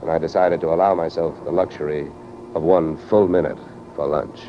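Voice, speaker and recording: An American man with a low, fairly evenly inflected and natural voice speaks at a quick clip, narrating wryly as the lead of an old-time 1940s-50s radio detective drama. He plays a sardonic, hard-boiled insurance investigator. The old radio recording sounds dull and has music in it.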